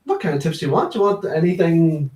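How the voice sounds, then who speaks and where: A man joins a relaxed video-call chat, talking practically and getting a bit nerdy about his equipment. His voice sounds roomy and set back from the mic. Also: on the high side, fast talker. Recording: roomy and distant.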